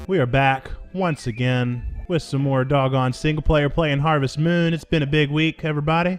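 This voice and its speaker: A man hosting a let's play, chatting upbeat to viewers while playing, with a slight lisp from a sore tongue. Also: mid-range voice. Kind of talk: casual gameplay commentary.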